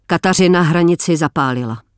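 A man reading a novel aloud, measured, slowing down for emphasis. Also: on the high side, clean tone, dry recording, studio quality. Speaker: narrator. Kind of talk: scripted audiobook narration.

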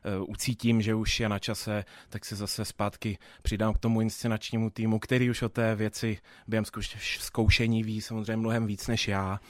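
Young man, flat thoughtful speech, dry sound. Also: fairly low pitch, few pauses, dry recording. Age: 20s. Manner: thoughtful, hesitant with many fillers and restarts. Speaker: theatre dramaturg. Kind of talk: interview answers.

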